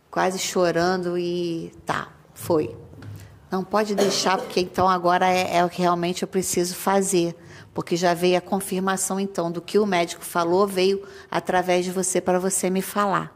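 A woman chatting in a group, telling a personal story with hesitant restarts. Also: fairly low pitch. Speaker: medium sharing an experience.

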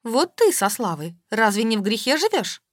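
A woman voicing an older mother who complains without pause in a reproachful, whining way. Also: on the high side, very animated, no echo, studio quality. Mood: nagging. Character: nagging self-pitying older mother, complaining nonstop.

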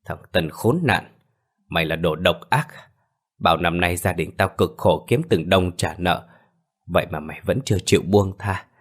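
Casting: a man doing a furious, wronged farmer, low, hissing with bitterness. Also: normal speed. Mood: enraged. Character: enraged poor middle-aged peasant farmer. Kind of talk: audio story acting.

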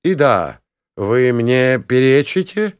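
A man's voice: on the high side, big pitch swings, a bit bright, smooth, no room sound, studio quality, pitched above the performer's own voice, full character voice. A man voicing a haughty, lofty male elf sage. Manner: slow, lofty and dismissive.

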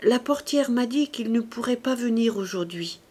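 A woman reading an audiobook, voicing a nervous young servant girl who speaks low and hesitantly. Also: animated, normal speed, darkish tone, slightly rough. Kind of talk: audiobook character voice.

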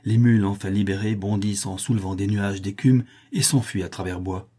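A man's voice: on the low side, fairly even intonation, fairly quick, warm tone. A man reading a novel aloud as an audiobook, in a dramatic storytelling delivery. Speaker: audiobook reader. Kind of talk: scripted narration.

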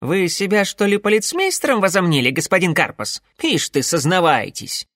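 A man voicing a flustered, indignant gentleman who is easily offended, in an audiobook. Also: sits high, big pitch swings, normal speed, no echo, clean studio sound, voice pushed up. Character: indignant, fussy gentleman Gunkin.

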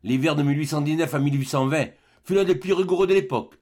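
A man narrating a classic novel as an audiobook in a measured, expressive way. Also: fairly high pitch.

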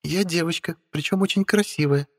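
A man's voice: fairly high pitch, fairly quick, dry recording, studio quality, pitched above the performer's own voice. A man voicing a vain, bossy young witch woman in an audiobook, haughty and imperious, teasing and commanding. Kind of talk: audiobook character voice.

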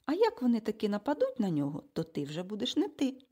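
Woman reading a bossy, brisk audiobook mother. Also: on the high side, wildly swooping pitch, warm tone, husky, exaggerated voice. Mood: forceful. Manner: emphatic, commanding and impatient.

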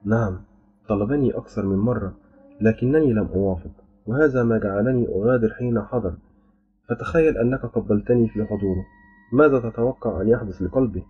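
A man's voice: lowish voice, fairly quick, slightly rough. A man voicing a beautiful, playful and proud young female jinn who speaks with a teasing, smiling delivery. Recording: dull lo-fi with faint music.

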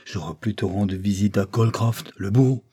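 A man's voice: lowish voice, moderate pace, warm tone, breathy edge. A man voicing a young woman witness who answers with trembling, indignant outbursts in an audiobook.

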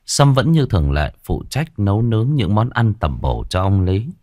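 Low-voiced guy narrating a ghost story, lively delivery, dry sound. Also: normal speed, no echo. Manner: dramatic storytelling.

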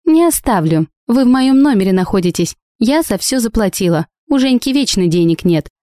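Natasha, a fierce, indignant young friend, voiced by a woman reader, sharp and protective. The tone is warm and mellow and sits dry and close to the mic, as in an audiobook. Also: on the high side, expressive, moderate pace, no echo, voice pushed up, natural voice.

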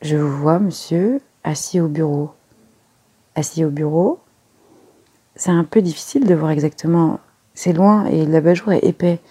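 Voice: medium pitch, normal speed, long pauses, dark tone, breathy edge, dry recording, close to an everyday voice. A reader voicing a dutiful, unimaginative male valet who answers politely and deferentially.

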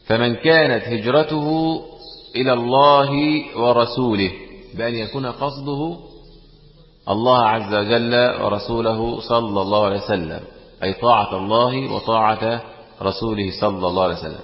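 A man's voice: medium pitch, moderate pace. A man teaching a religious lesson, often asking the class questions and repeating phrases. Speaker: teacher explaining hadith. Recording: echoey room, dull lo-fi sound.

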